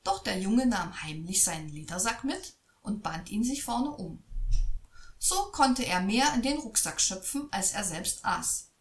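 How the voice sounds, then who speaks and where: A woman reading a fairy tale aloud in a slow, expressive storytelling voice. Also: medium pitch. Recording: echoey room.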